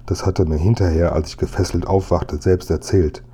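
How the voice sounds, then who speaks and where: A man's voice: sits low, fairly even intonation, fairly quick, warm tone, breathy edge. A man voicing a grumpy village police sergeant who grumbles and growls in indignation. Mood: grumbling.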